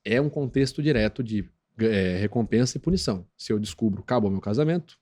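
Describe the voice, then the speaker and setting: A man's voice: animated, fairly quick, darkish tone. A man with a Brazilian accent speaking as a guest expert on a podcast, explaining step by step in a teaching tone and often checking in with "né?" and "tá?". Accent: Brazilian Portuguese. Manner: didactic, peppers talk with tag questions; acts out quoted voices in a high squeak. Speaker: guest expert on lie detection. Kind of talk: explanatory podcast interview talk.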